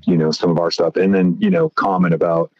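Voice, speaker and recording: A man's voice: deep voice, flat delivery, a little fast, a little mellow, dry recording. A man guesting on a podcast, telling stories casually, rambling with lots of "you know" and "right?". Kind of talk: casual conversational storytelling. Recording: slightly dull lo-fi audio.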